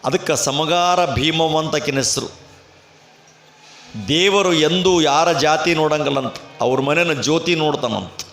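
Rhythmic North Karnataka preacher, echoey. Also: male voice, on the high side, measured pace, gravelly, a bit bright. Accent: North Karnataka Kannada. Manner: rhythmic, verse-quoting, exclamatory. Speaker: swami preacher. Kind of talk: storytelling sermon. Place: village fair, outdoor PA. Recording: echoey festival PA, faint noise.

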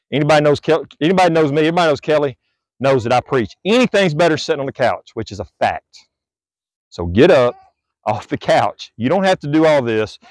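A man gives a blunt motivational talk outdoors. He keeps repeating himself like a preacher, and his voice sits at an ordinary middle pitch. The sound is dry, with no echo around it. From Southern United States. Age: 40s. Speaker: fitness vlogger. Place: outdoors on a residential driveway.

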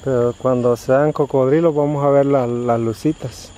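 A man's voice: medium pitch, fairly even intonation, moderate pace, mellow. A man in his thirties chatting casually to viewers on a night exploration vlog, holding the camera while walking outdoors. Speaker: vlogger. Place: outdoors at night in a grassy area. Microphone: handheld camera at arm's length. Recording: outdoor recording with faint background noise, insects. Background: crickets and insects.

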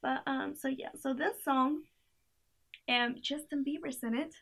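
Unhurried and relaxed, a young adult woman walks through a playlist in casual chat, full of fillers and giggly side comments. A camera mic in a small indoor room picks up her high, fry-laden voice.

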